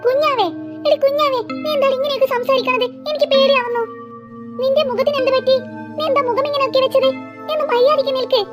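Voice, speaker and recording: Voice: extremely high pitch, steady tone, quick pace, soft background music. A performer voicing a frightened young girl who pleads and stammers in panic. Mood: scared. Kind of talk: cartoon voice acting.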